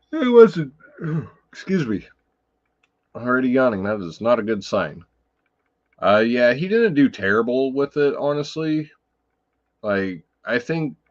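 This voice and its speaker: A man's voice: deep voice, highs cut off. A man hosting a casual livestream about films, talking in a rambling, profane way, full of fillers. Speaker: livestream host.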